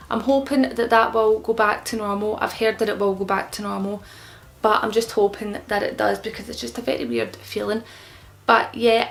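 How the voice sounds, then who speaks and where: A young woman in casual explanatory vlog talk, her speech slightly impeded and thick-tongued, as with a newly pierced tongue. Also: medium pitch. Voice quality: creaky. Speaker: vlogger answering common questions.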